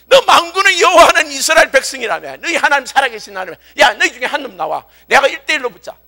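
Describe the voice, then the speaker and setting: A man's voice: very high-pitched, very animated, fast talker, pushed and bright, voice pushed up, full character voice. A man voicing a boastful giant warrior who taunts the enemy army to fight him one on one. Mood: taunting. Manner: taunting, brash challenge. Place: church.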